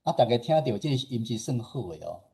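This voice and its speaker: A fast, sing-song male voice at medium pitch sounds warm, husky and creaky. The speaker is a Taiwanese-accented radio station director and host giving an informal slide presentation. He explains in a conversational tone, regularly ending phrases with little particles that invite agreement.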